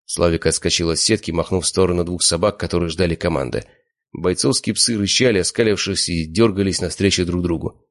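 Deep-voiced male audiobook narrator. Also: fairly quick. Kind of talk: first-person fiction narration.

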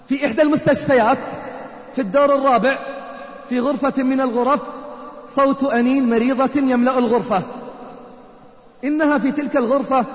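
A man preaching a sermon and telling a moral story dramatically, repeating key phrases for emphasis. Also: extremely high pitch. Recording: reverberant hall.

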